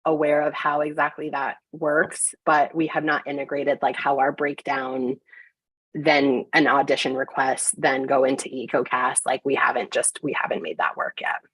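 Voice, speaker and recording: A woman casting director talks in a low, husky voice, chatty and full of fillers and restarts. She speaks over a video call, and the sound is dry, with no room around it. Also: steady tone, normal speed, a bit bright, no room sound, low-quality recording. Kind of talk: conversational interview. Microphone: video call mic.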